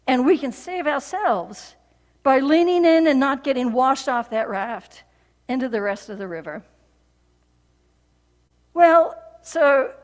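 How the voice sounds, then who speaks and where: A woman pastor giving a sermon, telling a story in an animated, conversational way with frequent fillers. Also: high-pitched. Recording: long reverb of a large hall.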